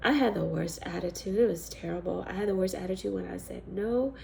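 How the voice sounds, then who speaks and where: A woman speaks fairly quickly in a fairly low, dark voice with vocal fry, against slight background noise. Stuffy with a cold, she rambles through her missionary story in a casual testimony vlog, with ums and little laughs.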